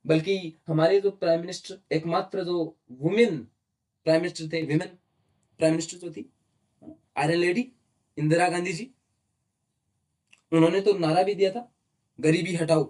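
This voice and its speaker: A man's voice: a little high, fairly even intonation, normal speed, long pauses, darkish tone. A male teacher giving a lecture and explaining terms step by step, who often asks rhetorical questions and checks with "right?". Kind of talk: classroom lecture in Hindi mixed with English terms.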